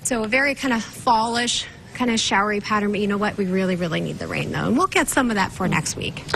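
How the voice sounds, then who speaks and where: A woman's voice: medium pitch, fast, vocal fry, background noise. A woman giving a live morning weather report outdoors at a school event, bubbly and chatty.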